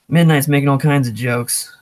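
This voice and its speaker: Reading chat as he goes, a livestream host talks off the cuff and thinks out loud in a casual stream. He has a mid-range voice, recorded with no echo.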